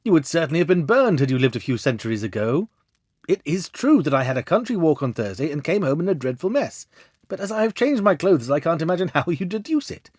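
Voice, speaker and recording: Storybook doctor sidekick male reader acting: good-natured, baffled, exclamatory, very varied pitch, dry recording. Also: very animated, quick pace, darkish tone, no echo. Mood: astonished, baffled. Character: Watson, astonished, good-natured gentleman doctor. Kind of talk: storybook character dialogue.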